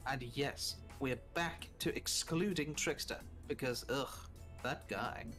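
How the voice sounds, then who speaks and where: A man's voice: mid-range voice, slow pace, fairly bright tone, soft background music. A man reading game narration aloud with a dry, wry delivery while chatting with friends. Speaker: streamer.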